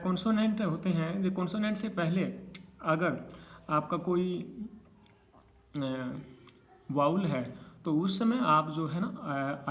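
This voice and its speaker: Male teacher, fairly high voice, patient explainer, steady classroom lesson delivery. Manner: patient, repeats checks like "okay" between examples. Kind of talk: explaining spelling rules to students.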